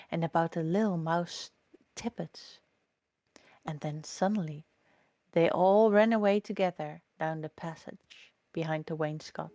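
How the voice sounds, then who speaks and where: A woman reading a children's storybook aloud in a slow, gentle, expressive way. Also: lowish voice.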